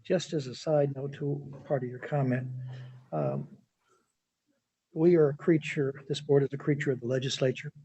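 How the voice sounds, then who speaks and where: Guy chairing a board meeting, measured and procedural, mellow husky voice. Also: medium pitch, expressive, rough recording.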